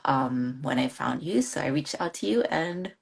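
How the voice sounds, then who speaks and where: A woman's voice: deep voice, expressive, moderate pace, creaky, slightly rough. A woman from the Philippines, a guest on a live online interview, speaking earnestly with hesitant restarts. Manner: earnest, hesitant, laughs often. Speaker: guest, course graduate.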